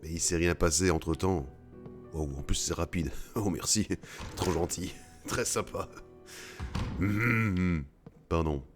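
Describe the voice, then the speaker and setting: A man's voice: low-pitched, a little slow, pauses often, over music. A man playing through a horror game, chatting casually and cracking jokes with the odd swear word. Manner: joking, swearing asides. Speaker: let's play gamer. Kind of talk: casual gameplay commentary.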